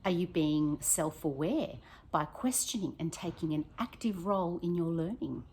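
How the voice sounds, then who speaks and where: A primary school teacher reads a picture book aloud to children, her slightly husky, lowish voice expressive as she prompts them with questions. She speaks at a normal pace, with slight background noise.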